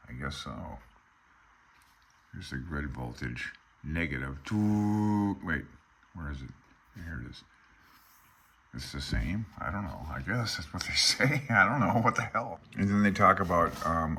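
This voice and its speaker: An instructor working through a radio handbook has a very deep voice with a bright, forceful edge, and he switches between reading aloud and explaining in his own words. He sounds informal, folksy and offhand, as if thinking out loud, expressive and unhurried, with a little hiss or hum in the audio.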